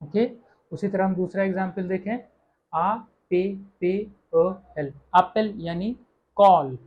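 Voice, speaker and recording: A French teacher giving an online lesson, speaking slowly and checking in with "okay" after each point. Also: medium pitch, highs cut off. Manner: slow, repeats words, says "okay" often.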